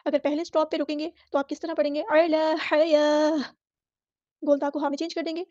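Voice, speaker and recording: A woman with a Pakistani Urdu accent teaching Tajweed, explaining each letter and reciting verses slowly and drawn out. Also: sits high, flat delivery, mellow, dry recording, dull audio. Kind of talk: Quran recitation lesson.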